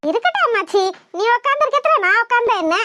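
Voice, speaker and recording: A woman's voice: extremely high pitch, very animated, rapid-fire, background noise. A woman voicing a cheeky young granddaughter in a cartoon, teasing her grandmother with affection. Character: cheeky young village granddaughter back from town. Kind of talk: cartoon voice acting.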